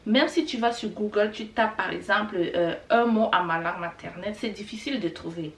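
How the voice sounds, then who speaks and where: A middle-aged Rwandan woman who vlogs as a Kinyarwanda teacher chats her way through word lessons, repeating things and using many fillers. Her medium-pitched voice moves fairly quickly. The room is echoey, and she sits a bit far from the mic.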